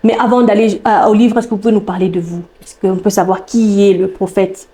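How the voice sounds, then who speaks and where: A woman's voice: mid-range voice, fairly even intonation, fairly quick. A woman hosting a talk show, often echoing her guests and adding short affirmations. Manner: warm affirmations, frequent laughs and echoing the guest.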